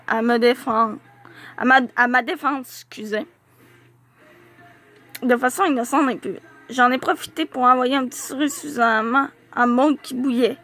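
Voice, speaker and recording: A woman with a fairly high voice reads a diary-style youth novel aloud, telling it in a lively, expressive way with a few small slips.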